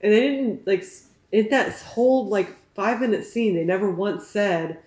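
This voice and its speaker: Woman, tipsy, blunt casual banter, medium pitch, movie co-reviewer, echoey room sound. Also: normal speed, a little mellow. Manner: tipsy, blunt, interjecting talk.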